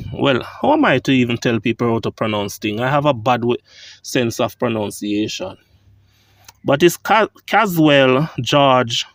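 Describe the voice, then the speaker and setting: A Jamaican man strolls through an outdoor churchyard, reading old gravestones aloud in an unhurried, mid-pitched voice. His talk is slow and musing, and the sound is dry and close. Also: dry recording. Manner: reads grave inscriptions aloud, thinking out loud. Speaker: vlogger. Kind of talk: walking tour vlog.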